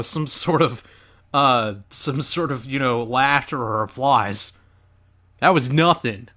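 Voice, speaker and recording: A man doing reaction commentary over his old gameplay video, animated, sarcastic and joking. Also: mid-range voice. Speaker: let's play commentator.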